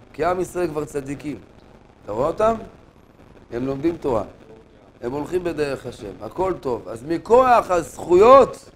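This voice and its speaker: A man preaching as a rabbi, telling stories with lively acted-out dialogue and questions to his listeners. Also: a little high, a little hiss or hum. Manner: animated storytelling, acting out dialogue, addressing listeners directly. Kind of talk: sermon.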